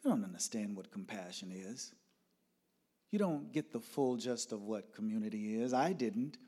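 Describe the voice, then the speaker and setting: A man's voice: fairly low pitch, animated, moderate pace, warm tone. A man from Nashville, Tennessee, preaching a sermon as a guest speaker in a church, leading the congregation in prayer and telling stories with emphasis. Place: church sanctuary.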